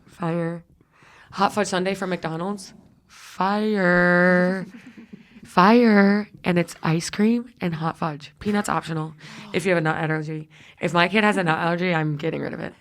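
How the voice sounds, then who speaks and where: Her medium-pitched voice has a fairly bright tone, slightly roughened by vaping. She's a Buffalo, New York native hosting a studio comedy podcast, rambling casually with crude jokes and frequent swearing.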